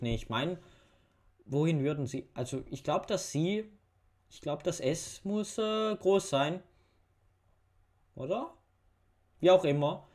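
Slow-talking young man, wry quiz commentary. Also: a little high, darkish tone. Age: young adult. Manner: slow, wry, reads questions aloud and mutters answers. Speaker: YouTuber. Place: bedroom at home. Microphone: webcam facecam.

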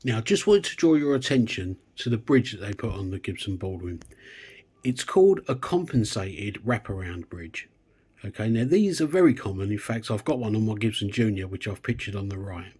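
A man casually walking through a guitar restoration and explaining each step in a relaxed, chatty way. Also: on the low side, moderate pace, husky. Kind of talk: casual workshop demonstration.

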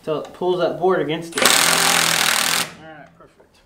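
Brief: middle-aged farmer, patient and gentle coaching tone, recorded in a noisy barn by a camera mic. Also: male voice, on the high side, fairly even intonation, normal speed. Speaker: farmer teaching a boy carpentry. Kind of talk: patient step-by-step instruction. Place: large metal barn, indoors. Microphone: camera mic, varying distance. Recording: noisy barn, drill sounds.

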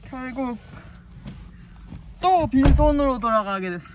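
A woman vlogger talks through a face mask, so her voice comes out muffled. She chats in an expressive, playful way, and her pitch swings widely. Clear road noise from a car ride runs under her words. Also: measured pace. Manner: chatty, expressive, playful commentary. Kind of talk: casual chat. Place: inside a moving car.

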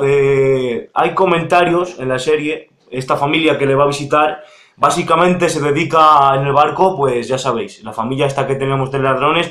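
A man's voice: medium pitch, fairly bright tone. A man, earnestly voicing a complaint in a casual video. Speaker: youtuber in the reacted video. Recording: echoey room.

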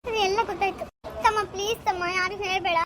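A woman's voice: very high-pitched, steady tone. A woman playing a bossy older sister who lectures and scolds her little brother in a comedy skit. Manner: scolding, lecturing, quick-talking. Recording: noisy home video recording.

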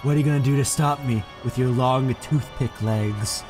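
A man's voice: mid-range voice, moderate pace, over music, close to an everyday voice. A man voicing a cocky, taunting young hedgehog antihero with flippant, mocking delivery in an improvised video game fan dub. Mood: smug. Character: smug, taunting young male anime-style hedgehog antihero.

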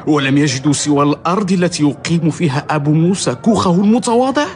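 An actor playing a righteous humble barber in a historical radio drama, declaiming formal Arabic with passion. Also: male voice, on the high side, fast, background noise, lightly acted. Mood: indignant. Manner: impassioned, declaiming.

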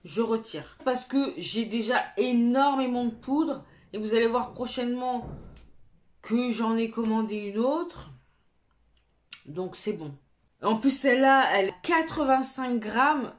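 A woman vlogging about beauty products in a casual, chatty way, thinking aloud and quickly deciding what to keep or drop. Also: on the high side. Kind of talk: casual chat.

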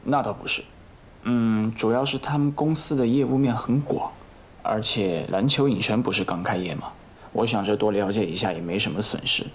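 A man's voice: on the low side, normal speed, slight background noise, lightly acted. A man playing a polite, cautious young office worker who talks in an earnest way. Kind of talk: comedic sketch acting. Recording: music under the voice.

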